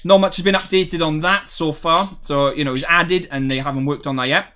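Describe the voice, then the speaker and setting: A young man streams live about game development, chatting casually with viewers, reading chat messages aloud, and rambling with many ums, perking up whenever people join. His voice is fairly high, steady, brisk, bright, and forceful, with a smooth sound.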